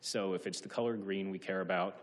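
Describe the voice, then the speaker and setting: A man with a very low voice delivers a formal public comment, short of breath as he argues his points. His prepared remarks ring out with the long reverb of a council chamber. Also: steady tone, a little fast. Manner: formal, argumentative. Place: large indoor council chamber. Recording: reverberant hall sound.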